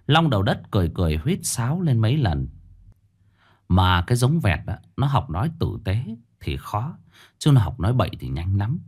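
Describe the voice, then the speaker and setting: Deep-voiced Northern Vietnamese storyteller. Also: male voice, darkish tone, husky. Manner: colloquial, playful asides. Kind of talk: comic ghost story narration.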